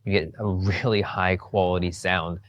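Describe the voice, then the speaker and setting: A man's voice: low-pitched, flat delivery, moderate pace, highs cut off. Man on lapel mic through noise reduction. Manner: upbeat, repeats "you can hear". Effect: AI noise reduction processing. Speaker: gear reviewer. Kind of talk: product demo walkthrough. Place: busy street outdoors. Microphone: clip-on wireless lapel mic.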